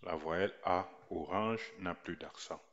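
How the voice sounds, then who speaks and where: A man teaching a writing lesson in a slow voice-over, repeating each point deliberately. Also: low voice, a bit bright, muffled recording. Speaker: language teacher.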